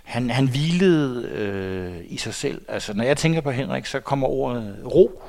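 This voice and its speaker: A man's voice: mid-range voice, animated, creaky, darkish tone. A man in his sixties, a guest in a studio interview, looking back on the past with lots of hesitations. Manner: hesitant, many fillers and restarts. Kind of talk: reminiscing interview talk.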